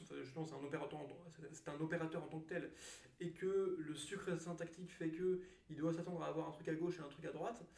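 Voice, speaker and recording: Rambling, gravelly-voiced young man teaching code. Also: on the high side, a little mellow, far from the mic. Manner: rambling, self-mocking, many fillers and restarts. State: tired from little sleep. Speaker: programming tutor. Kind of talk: casual screen-recorded coding lesson. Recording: echoey room, voice a bit off-mic.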